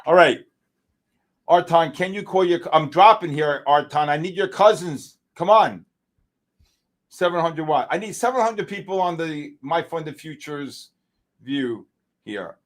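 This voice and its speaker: The middle-aged livestream host of a trading show gets his viewers hyped, joking excitably throughout. His voice sits on the high side and moves a little slowly.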